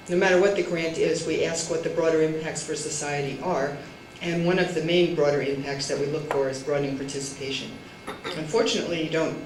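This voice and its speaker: Woman with a cough chatting at a conference panel, noisy room, mic kinda far. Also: low voice. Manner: chatty, self-deprecating asides. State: has a bad cough, cough drop in mouth. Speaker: panel speaker, funding program director. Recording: echoey hall, distant mic, noisy.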